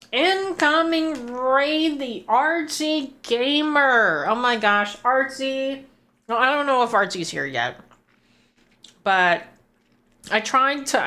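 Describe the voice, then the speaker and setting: A woman's voice: on the high side, bright, forceful tone. A woman chatting casually on a gaming livestream, greeting and thanking her viewers as she plays. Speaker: game streamer.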